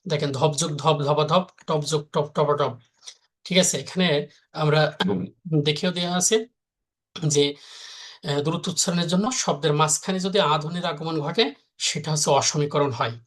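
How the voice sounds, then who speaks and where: A man's voice: on the high side, fairly even intonation, normal speed, long pauses, a bit bright. A man teaches a live grammar class. He states each rule, repeats it, then puts questions to the class and answers them himself. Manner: repeats rules, asks and answers own questions. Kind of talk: live online grammar lesson.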